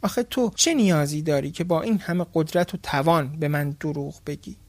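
A man's voice: fairly high pitch, dry recording. A poor but cunning fisherman from a storybook, sly and mocking, as a male narrator plays him. His voice sits close and dry.

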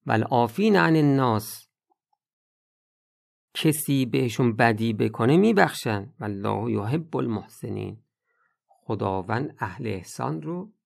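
Gravelly-voiced man preaching earnestly. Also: medium pitch. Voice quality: gravelly creaky voice. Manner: earnest preaching, rising to urge listeners; recites Arabic scripture passages. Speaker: religious speaker. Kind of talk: spiritual talk podcast.

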